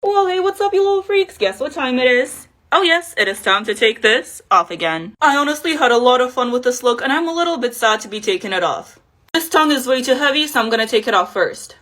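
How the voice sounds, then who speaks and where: Bright, chatty woman makeup vlogger. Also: on the high side, brisk. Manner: chatty and playful, with excited exclamations. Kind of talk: casual chat.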